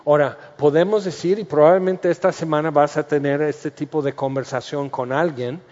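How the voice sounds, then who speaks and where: Male preacher, lively, acts out voices; slightly high voice, dull sound with long hall echo. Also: moderate pace. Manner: animated, acts out quoted voices, jokes mixed with scripture. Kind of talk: sermon.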